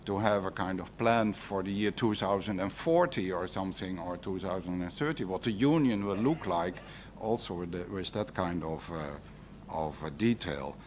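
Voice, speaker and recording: A low-voiced man speaking at normal speed addresses a conference round table as a panelist, pausing hesitantly while hunting for words. The live recording carries faint noise.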